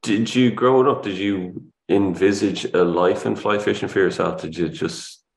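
Low-pitched man interviewing, roomy echo. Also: steady tone, moderate pace, gravelly. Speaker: podcast host, interviewer. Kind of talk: casual interview questions. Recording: roomy, echoing sound.

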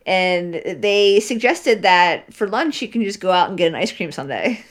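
A woman's voice: mid-range voice, lively intonation, moderate pace. A woman co-hosting a casual podcast chat, reading out facts, laughing often and swearing casually. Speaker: podcast co-host.

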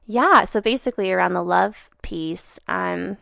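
A woman in her twenties, a podcast guest in casual chat, animated and full of "like", swearing offhandedly. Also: fairly low pitch, unhurried, creaky, no echo, clean studio sound. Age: 20s.

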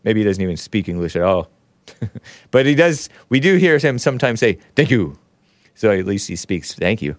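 Chuckling frequently, this livestream host reads his viewers' chat out loud in silly mock voices and cracks jokes between messages. He speaks at a moderate pace in a lowish voice with big pitch swings, and there's no echo.

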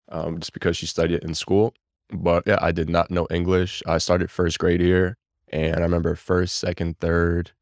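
A man in his twenties from Bulgaria, whose first language is Bulgarian, talking as a podcast guest in a relaxed, rambling way full of fillers. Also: low voice, gravelly, no echo, studio quality. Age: 20s. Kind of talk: casual podcast interview.

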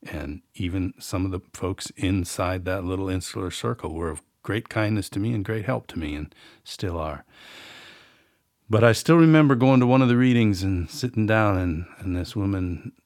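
A man's voice: deep voice, normal speed, darkish tone, dry recording, studio quality. A middle-aged man, an author and podcast host, reading from his own novel and then rambling in a folksy, self-deprecating way.

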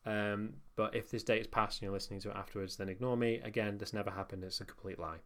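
A man's voice: lowish voice, fairly even intonation, quick pace, a bit bright. A young man with a nasal voice reads his own newsletter aloud in a casual, wry tone, with swearing and self-mocking asides. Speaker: newsletter narrator and podcast host.

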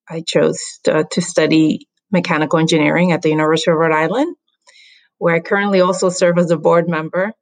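A woman from the Dominican Republic talks over a video call. Her voice sits low, and she tells her story in an upbeat, measured way, with a few fillers along the way. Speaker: guest. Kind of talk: interview answers.

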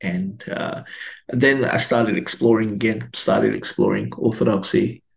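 A man's voice: lowish voice, wildly swooping pitch, unhurried, gravelly. A man in his thirties from Malaysia, a priest, telling his life story in an interview with many fillers and restarts.

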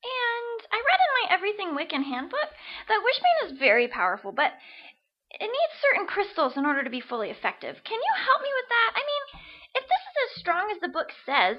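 Woman playing a very high-voiced, gushing hippie girl. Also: sing-song, a little fast, dull audio. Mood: naive, excited. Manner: girlish, airy, gushing. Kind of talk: comic fantasy audio drama.

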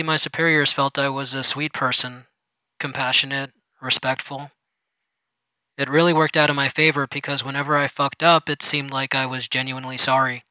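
A man's voice: mid-range voice, sharp tone, no room sound, low-quality recording. A man reading a first-person story aloud in a sardonic, bitter manner.

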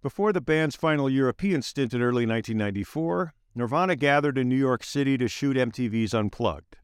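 A man reading aloud his own essay in a measured, wry narration with slowed emphatic phrases. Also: mid-range voice, clear, resonant tone, dry recording, clean studio sound.

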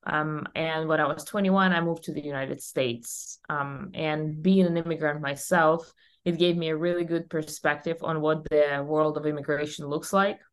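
A woman's voice: sits low, fairly even intonation, normal speed, clear, resonant tone. A young woman from Russia, a podcast guest, talking energetically and emphatically with frequent fillers in a conversational interview. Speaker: podcast guest, company founder.

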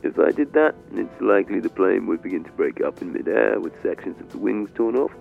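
An actor playing a heartbroken, bitter airline captain who gives calm, matter-of-fact cabin announcements in polite announcer phrasing. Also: male voice, sits low, a little fast, vocal fry, phone-quality sound, soft background music, exaggerated voice. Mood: deadpan. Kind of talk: comic in-flight announcement.

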